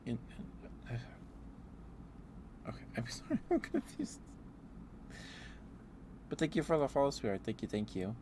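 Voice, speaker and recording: A man doing a live ASMR stream chats with viewers in an affectionate, apologetic, rambling way, his medium-pitched voice swinging hugely in pitch at a measured pace with long pauses. Background noise and keyboard typing are clearly audible.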